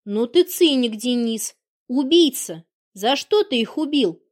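A sharp-tongued jilted woman, read by a female narrator, scornful and accusing, in a voice pitched a little high. Her words come out clipped and cutting, with no softness to them. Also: expressive, unhurried. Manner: biting, scornful.

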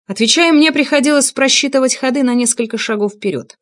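A woman narrating a first-person audiobook in an even, measured reading style. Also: high voice.

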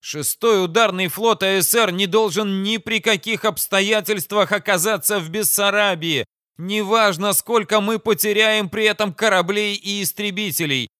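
A man's voice: high-pitched, moderate pace, clean tone, no room sound, studio quality, pitched above the performer's own voice. A man reading an audiobook, voicing a hot-headed male commander who angrily insists the enemy must be stopped at any cost. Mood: furious. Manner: agitated, forceful outbursts.

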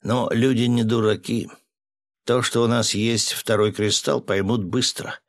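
An audiobook narrator voicing a cautious, earnest aide in nearly his own low voice. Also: steady tone, unhurried, no room sound.

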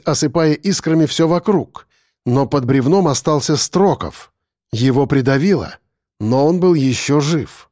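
A man reads a first-person story aloud, dramatic and expressive. His voice sits a bit higher than most men's. The sound is close and dry, with no room around it. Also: dry recording. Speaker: audiobook narrator. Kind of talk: first-person audiobook narration.

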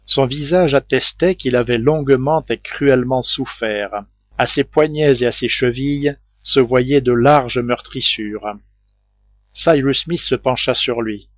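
Male audiobook narrator, measured reading, slow pace, dry, slightly dull recording. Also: medium pitch, no room sound. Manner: measured, steady. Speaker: audiobook reader. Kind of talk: scripted narration. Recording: dull, muffled home recording.

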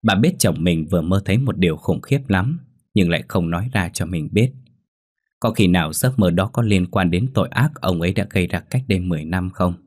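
A man narrating a scripted ghost story in a steady, measured way. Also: low voice, dry recording, clean studio sound. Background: faint background music.

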